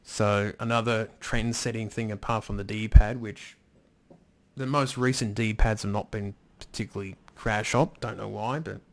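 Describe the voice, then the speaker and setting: A man's voice: lowish voice, steady tone, unhurried. Rambling man chatting on a livestream. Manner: rambling, thinks aloud, swears casually. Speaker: livestream host reading chat. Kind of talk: casual live-stream chat.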